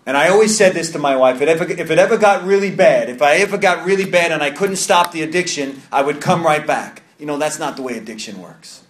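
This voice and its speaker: His fairly high voice moves quickly with few pauses, echoing in a meeting room, as this New York-accented man in his thirties gives heartfelt testimony to a recovery group, often restarting and repeating phrases.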